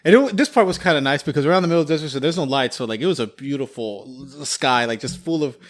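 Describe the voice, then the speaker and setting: A young man with a medium-pitched, expressive voice talks fast, swapping casual stories about his military training as a podcast guest and veteran. He rambles, fills gaps with lots of fillers, and laughs often.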